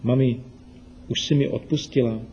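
A man voicing an upset, quick-tempered young boy in a children's radio story. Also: medium pitch, steady tone, warm tone, dull audio, a little hiss or hum, natural voice. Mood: gentle.

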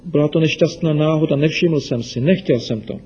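A man voicing an upset, quick-tempered young boy in a children's radio story. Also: mid-range voice, dark tone, husky, dull audio. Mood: contrite.

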